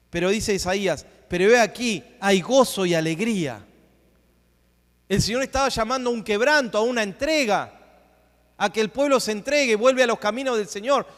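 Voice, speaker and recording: A man pastor preaching a sermon, rising into emphatic swells and dropping into hushed asides. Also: high voice. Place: church sanctuary. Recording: long church hall reverb.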